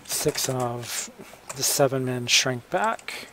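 A writer dictating a story draft while typing, halting often to revise the wording. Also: medium pitch, lively intonation, sharp tone, slight background noise. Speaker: novelist writing a draft live. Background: computer keyboard typing.

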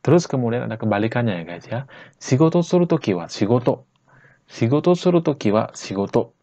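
A man from Bali teaching Japanese slang in a casual lesson, saying each phrase slowly and then at normal speed, and tagging lines with a chatty "guys, ya". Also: mid-range voice, sing-song, dark tone. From Bali, Indonesia. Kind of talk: casual vlog-style lesson.

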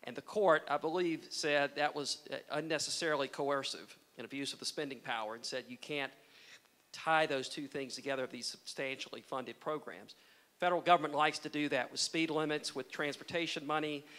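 A man's voice: on the high side, steady tone, a little fast, pushed and bright. A middle-aged man asking a long policy question at a conference, conversational and searching, with fillers. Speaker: foundation president asking a question. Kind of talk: audience question. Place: large conference ballroom.

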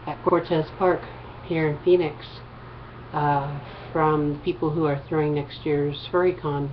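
A woman's voice: low voice, a little hiss or hum. A woman casually showing her fursuit work in a vlog, speaking through a costume head and rambling with hesitant fillers. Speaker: fursuit maker. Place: Phoenix. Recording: muffled lo-fi home recording.

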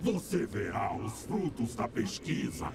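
An actor playing a boastful, menacing male villain in a video game, with a gravelly voice and slow, booming proclamations. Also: sing-song, a little mellow. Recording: distant game audio with faint music.

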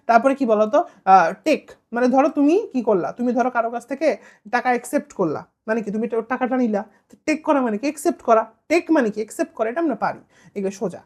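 A woman's voice: on the high side, animated, fast, darkish tone. A woman with a Bangladeshi Bengali accent teaching an exam-prep vocabulary lesson, quizzing the listener with playful repetition and memory tricks.

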